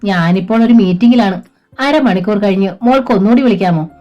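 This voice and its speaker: A woman's voice: mid-range voice, a little fast, dark tone, lo-fi sound, faint music behind, natural voice. A woman voicing a busy middle-aged father taking a call during a meeting. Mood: polite.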